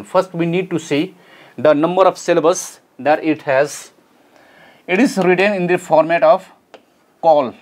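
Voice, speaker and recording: A man, an English teacher going through exam answers and repeating key words slowly for students. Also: fairly high pitch. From Nepal. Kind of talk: exam solution lesson.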